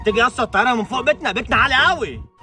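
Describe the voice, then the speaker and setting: A cocky Egyptian boy, voiced by a woman in a comedy skit, with a high, bright voice. He talks at a rapid clip and teases his friend without mercy. Faint music sits under his lines. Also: animated. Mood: plotting. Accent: Egyptian Arabic. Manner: taunting, teasing, cocky. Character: mocking bratty boy friend.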